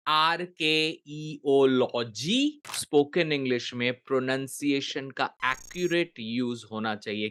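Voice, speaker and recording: A man with an Indian English accent teaching pronunciation, drawing out example words slowly and in a lively way. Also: fairly high pitch, a little hiss or hum. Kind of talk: pronunciation lesson.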